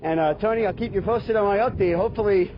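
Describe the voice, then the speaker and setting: A man's voice: high-pitched, fast talker. A man with a Baltimore accent doing a live outdoor weather report, upbeat and folksy, talking to viewers as folks. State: out of breath. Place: outdoors on a city street in snow. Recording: dull broadcast audio with faint noise.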